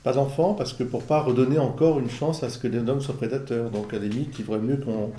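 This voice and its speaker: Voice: mid-range voice, steady tone, brisk, dark tone, roomy sound. A priest commenting in a casual discussion, reflective and hesitant with repeated words. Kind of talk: conversational commentary.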